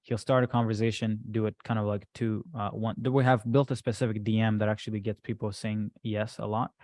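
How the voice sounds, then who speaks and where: Here a business coach talks a group through a casual workshop with screen share, his speech loose, full of fillers and peppered with "right?" checks. He has a lowish, darkish voice with little pitch movement and a fairly quick pace, recorded without echo.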